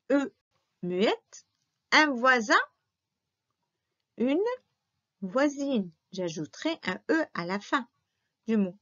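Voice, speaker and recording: A woman's voice: fairly high pitch, a little mellow. A woman teaching a grammar review lesson, patiently repeating and spelling out each example. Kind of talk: slow classroom grammar review. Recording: dull lo-fi recording.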